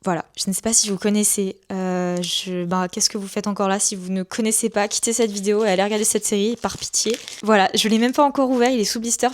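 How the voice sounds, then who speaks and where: A young woman book vlogger talking casually at her desk at home, enthusiastic and chatty with many fillers. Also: medium pitch. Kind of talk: casual vlog chat.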